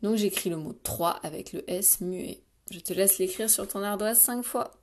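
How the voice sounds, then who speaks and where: A woman teacher, giving a slow, carefully articulated spelling dictation to young pupils and addressing them directly. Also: medium pitch, a little hiss or hum. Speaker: primary school teacher.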